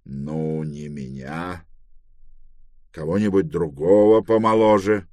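A man reading the part of a stubborn, earnest grown man in an audiobook, insistent and deliberate. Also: low-pitched, animated, a little mellow, no room sound.

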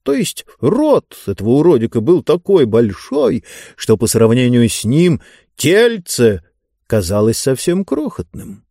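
Man, audiobook narration, wildly animated pitch, dry close sound. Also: breathy edge, no room sound. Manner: highly expressive storytelling.

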